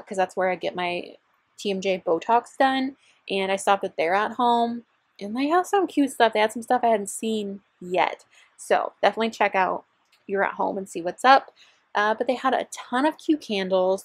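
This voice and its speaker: A young woman vlogger with a bubbly, chatty delivery, gushing over cute little finds. Her voice sits at an ordinary middle pitch and comes across close and dry, with no room sound around it. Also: dry recording. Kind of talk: shopping vlog voiceover. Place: parked car.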